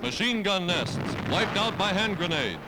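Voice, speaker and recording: A man's voice: high-pitched, big pitch swings, moderate pace, very noisy. A man narrating an old wartime newsreel in an emphatic, declamatory way. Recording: archival film soundtrack with loud music behind.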